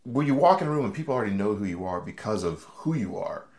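A man's voice: lowish voice, lively intonation, fast talker, a little mellow. A man co-hosting a podcast, a father who talks reflectively with many fillers. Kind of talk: casual podcast conversation.

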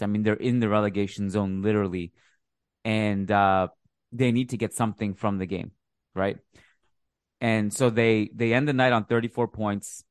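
A man's voice: fairly low pitch, dry recording, clean studio sound. A man hosting a podcast in casual chat, wry and rambling. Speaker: podcast host.

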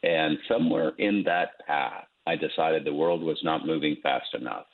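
A man's voice: extremely low pitch, moderate pace, breathy edge. A man speaking as a guest in an interview, answering conversationally over a thin, muffled line. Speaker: guest entrepreneur.

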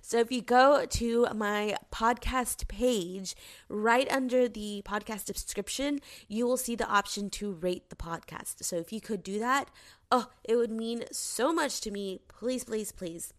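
A woman's voice: a little high, unhurried. Bubbly congested woman podcast host. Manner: bubbly, chatty, excitable. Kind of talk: casual solo podcast talk.

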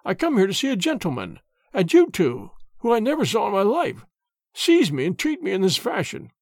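A man voicing a frail, stubborn old sailor who speaks in rough old-timer dialect. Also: high voice, very animated, moderate pace, a little mellow, no room sound, clean studio sound, full character voice. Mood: indignant. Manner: stubborn, grumbling. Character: frail, petulant old male sailor in disguise.

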